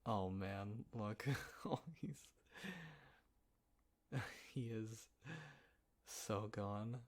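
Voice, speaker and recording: A man acting an easygoing, playful young guy in a casual roleplay audio, talking in a halting, chuckling, naturalistic way with a friend. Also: on the low side. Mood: amused exasperation. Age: young adult.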